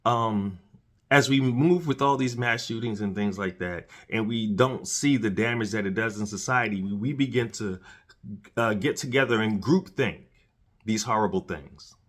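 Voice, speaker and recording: A man with a voice on the low side speaks at a moderate pace while hosting a solo commentary podcast. He comes across as earnest and preachy, repeating and restarting his words often. His mouth is dry and he's got candy in it.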